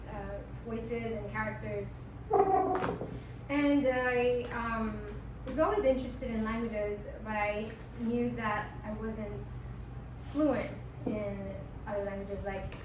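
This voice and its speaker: A woman's voice: a little high, steady tone, unhurried. Echoey distant woman teaching a workshop. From Hong Kong. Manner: chatty, many "um" and "like" fillers. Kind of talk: casual workshop talk. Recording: echoey room, far mic, audible noise.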